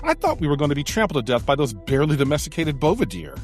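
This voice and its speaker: A woman acting a lead in an audio drama, dramatic and theatrical, swinging between deadpan and excited. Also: deep voice, quick pace, soft background music.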